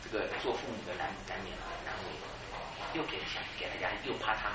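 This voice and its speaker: A man, preaching a sermon in an animated storytelling way and laughing at his own jokes. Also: on the low side, fast talker. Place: church hall. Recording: echoey church hall, mic far off, noisy.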